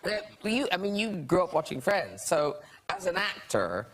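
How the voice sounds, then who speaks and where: A man's voice: sits high, big pitch swings, normal speed. Giggly teasing male talk show host. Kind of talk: chat show interviewing. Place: television studio with audience. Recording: loud background noise.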